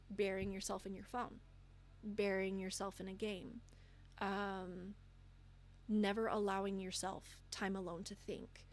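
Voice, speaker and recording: Earnest woman streamer. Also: medium pitch. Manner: earnest and open, with many ums. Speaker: livestreamer. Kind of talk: candid advice talk to live chat.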